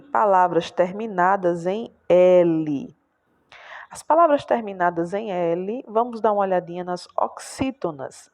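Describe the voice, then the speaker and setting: In a lowish, darkish voice, a woman teacher from Brazil guides her class through a lesson with patience. She speaks with a Brazilian Portuguese accent, says words aloud more than once, and keeps checking understanding with tag questions.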